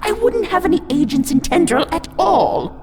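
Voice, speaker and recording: A woman's voice: very high voice, very animated, normal speed, darkish tone, slight background noise. A woman playing an authoritative, theatrical and encouraging space admiral in an audio drama. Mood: amused, reassuring. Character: commanding but encouraging female space admiral, amused, reassuring.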